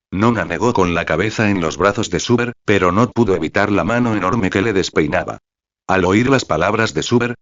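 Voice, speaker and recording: A man narrating a story in an even, steady reading voice. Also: low voice, no echo, dull audio.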